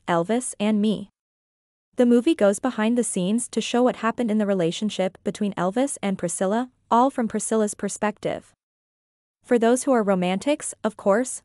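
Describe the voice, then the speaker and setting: A woman reviewer and author reads her scripted narration into a close mic, earnest and opinionated in an even, read-out way. Her voice is mid-range, with no echo.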